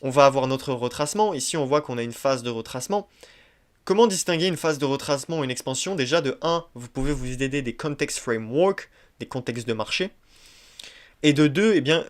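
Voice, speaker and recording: Man, trading instructor, mid pitch, emphatic, repetitive, screen-share tutorial. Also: a bit bright. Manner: repetitive, emphatic, many verbal tics like "ok?" and "hop".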